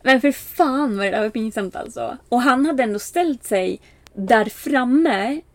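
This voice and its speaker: A young woman recounts a story in a casual, chatty flow, peppered with fillers and self-mocking laughs. Her voice sits a little high, and the recording is close and dry. She acts out quoted exchanges, lifting her voice for each line. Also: no echo. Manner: animated, acts out quoted exchanges with bright raised voice; frequent filler "bara" and "liksom", laughs at herself.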